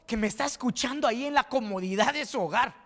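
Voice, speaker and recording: A man's voice: very high-pitched, quick pace, a bit bright. A man from Guatemala preaching a sermon as pastor, fervent, with repeated words and restarts, rising to exclaim. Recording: reverberant hall.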